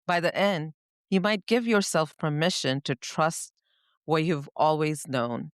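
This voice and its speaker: A woman from India, a podcast co-host reflectively recounting her upbringing, often pausing to search for words. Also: sits low, no echo, clean studio sound. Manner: reflective, searching for words, frequent "you know". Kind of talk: personal storytelling in conversation.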